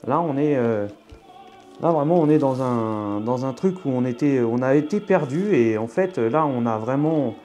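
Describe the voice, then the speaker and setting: Southern French man, mellow voice, halting card reading over faint music. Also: mid-range voice, expressive. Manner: hesitant, many fillers and restarts. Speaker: astrology card reader. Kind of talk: casual tarot reading to camera.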